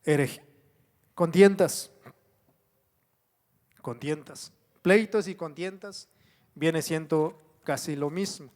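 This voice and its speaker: A man's voice: on the high side, slow, long pauses, darkish tone. A middle-aged man preaching a sermon in a church, repeating phrases, asking his listeners questions and calling them brothers. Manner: repetitive exhortation with frequent "gloria a Dios"; addresses congregation as brothers, rhetorical questions.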